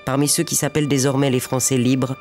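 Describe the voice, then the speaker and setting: Over background music, a man with a mid-range voice narrates a history documentary. His delivery is measured, solemn, steady, and clearly scripted.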